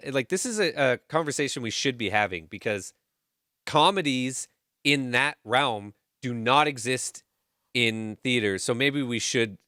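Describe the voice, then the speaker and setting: A young man in loose podcast chat, animated and profane. His voice is bright and forceful, and it jumps up in pitch to stress points. The sound is dry and close to the mic. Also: dry recording. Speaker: podcast co-host. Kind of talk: casual chat.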